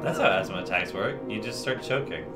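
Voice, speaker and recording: A man's voice: on the low side, brisk, over music. A man giving casual comedic commentary on a video game, skeptical and teasing, swearing at his friends. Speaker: co-host of a game playthrough.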